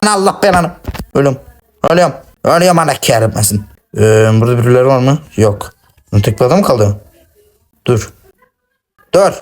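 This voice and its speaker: A man giving excitable, cursing, self-mocking commentary while playing a shooter game on his phone. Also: a little high. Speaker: gaming channel host. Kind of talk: casual gameplay commentary.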